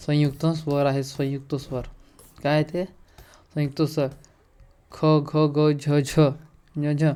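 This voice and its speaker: A man's voice: a little high, dark tone, clean tone. A male teacher, running through grammar quiz questions and repeating the answers to check them. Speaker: exam coaching teacher.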